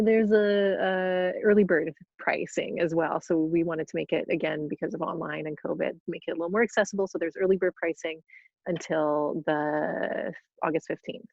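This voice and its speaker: A woman's voice: fairly low pitch, vocal fry, dry recording, dull audio. A woman hosting a casual live Q&A webinar, chatting in a bubbly way with frequent restarts and laughter. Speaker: yoga teacher trainer hosting a webinar. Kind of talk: casual live Q&A, reading questions aloud. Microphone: video call.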